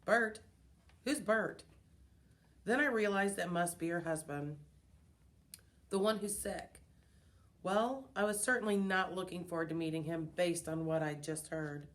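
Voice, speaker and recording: A woman reads a children's chapter book aloud in an expressive storytelling manner. Her voice sits a little low for a woman, and she keeps the narration lively and clear. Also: normal speed. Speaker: reader.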